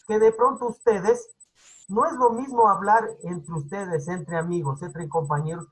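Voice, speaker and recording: A teacher with a Quito highland accent, giving an online class lecture and explaining patiently while constantly checking in with the students. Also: steady tone, a little slow, slightly rough, low-quality recording. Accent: Quito highland Spanish. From Ecuador.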